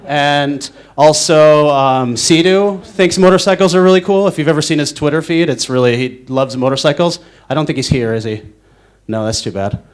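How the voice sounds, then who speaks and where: A young man from the northwestern US gives a casual conference talk on stage, his voice slightly high, clear and resonant at a normal pace. He rambles, leaning on fillers, cutting himself off and restarting.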